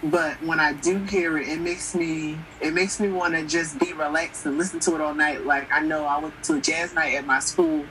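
A young man, a guest on a radio show, answering in a thoughtful, measured way. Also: on the high side, level tone, sharp tone. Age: young adult. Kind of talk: call-in radio talk. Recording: distant noisy mic.

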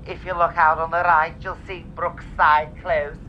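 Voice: medium pitch, little pitch movement, moderate pace. Someone voicing an airline captain making a jokey, informal cabin announcement over the plane intercom. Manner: jokey, informal, addresses listener as "love". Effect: pilot's voice over the plane intercom. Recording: muffled lo-fi clip with faint music.

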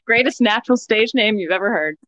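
A woman's voice: fairly high pitch, animated, a little fast, a crowd in the background. An American woman co-hosting a podcast from inside a closet, chatting casually and telling stories in a giggly way, with a muffled sound. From Maine, USA. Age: adult, mother of young children. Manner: giggly, laughs through her stories. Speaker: podcast co-host.

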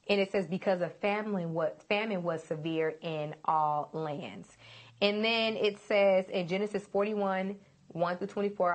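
A woman giving a casual sermon, reading scripture aloud in an earnest, chatty way and often calling her listeners "you guys". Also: on the low side. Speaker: Bible teacher.

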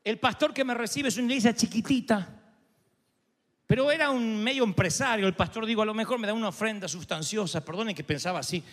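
A man's voice: sits high, fast talker, a bit bright, big-room sound. A middle-aged Argentine man preaching, telling a story animatedly and acting out the dialogue and prayers. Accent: Argentine Spanish. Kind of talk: storytelling sermon.

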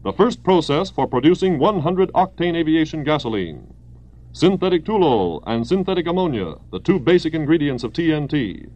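A man's voice: fairly high pitch, big pitch swings, normal speed, a little mellow. An American man reading formal, declamatory wartime news bulletins as a 1940s radio newscaster, in an old newsreel manner.

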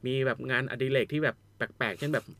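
A man's voice: medium pitch, fast talker, a bit bright, no room sound. A man co-hosting a casual podcast, explaining things at length in a chatty way. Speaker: podcast co-host. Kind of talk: casual chat.

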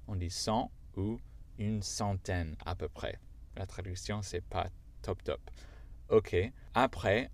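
A man whose first language is English, speaking French with an American accent, patiently teaching a language lesson step by step. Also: lowish voice.

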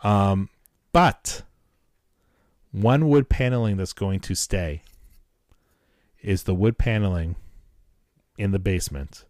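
A man with a fairly low voice hosts a casual podcast from his basement. The sound is dry and close, with little room on it. He talks in a loose, self-mocking, joking way and doesn't mind swearing. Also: slow, long pauses, a little mellow, no echo. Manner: self-deprecating, joking, profane. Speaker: podcast host. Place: wood-paneled home basement.

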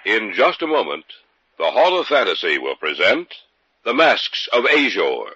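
A man's voice: lowish voice, big pitch swings, measured pace, pushed and bright. A man introducing an old radio drama series in an ominous, theatrical manner, heard as a dull, echoing old broadcast. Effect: old radio show broadcast. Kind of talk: 1940s radio drama announcing.

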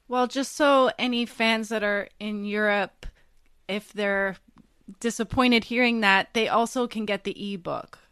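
A woman co-host with a smooth, clear voice of medium pitch, recorded close and dry. She speaks casually, as in an informal interview. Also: fairly even intonation, measured pace, a bit bright, no echo. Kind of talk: casual chat.

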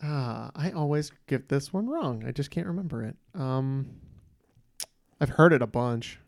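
A man's voice: mid-range voice, expressive, unhurried, creaky, no room sound, clean studio sound. A man in casual chat on a trivia panel, hesitant and thinking aloud.

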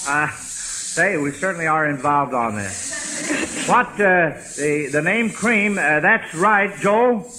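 A man's voice: on the high side, expressive, slow pace, crowd noise. A man with an American accent hosting an old-time radio quiz in a folksy way, with hesitations and repeated words. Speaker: quizmaster host. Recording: hissy vintage radio broadcast.

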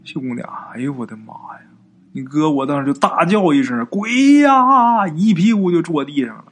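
A man's voice: fairly high pitch, animated, brisk, slight background noise, close to an everyday voice. A man voicing a boastful middle-aged village man who talks in a coarse, folksy way. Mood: boastful, spooked. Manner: coarse, swaggering folksy talk.

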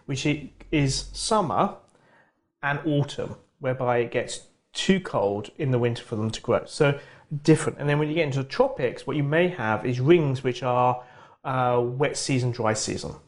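Man explaining like a lecturer. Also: medium pitch. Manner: lively lecturing, with quick bursts and restarts. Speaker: geography professor, interview guest. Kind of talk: conversational expert explanation.

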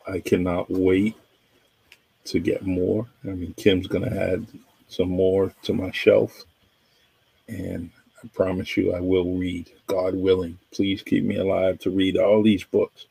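A man's voice: low voice, flat delivery, takes it slowly, vocal fry, dark tone, breathy edge, no echo, poor audio. A man hosting a podcast interview, chatting in a rambling, appreciative way, with a nagging cough. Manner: rambling, appreciative, many fillers. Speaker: podcast host. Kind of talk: casual interview chat.

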